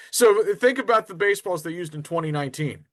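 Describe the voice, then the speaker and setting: A young man co-hosting a sports talk show with quick, joking banter. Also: high-pitched, expressive, fairly bright tone, dry recording, clean studio sound. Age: young adult. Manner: quick, joking, laughs easily. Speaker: co-host. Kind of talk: casual banter.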